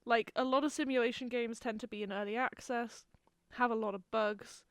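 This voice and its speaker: Giggly woman with a smooth voice. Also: on the high side, steady tone, moderate pace, fairly bright tone, dry recording, studio quality. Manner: giggly, rambling, trails off and restarts. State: hiccuping and burping. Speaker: podcast co-host. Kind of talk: casual chat.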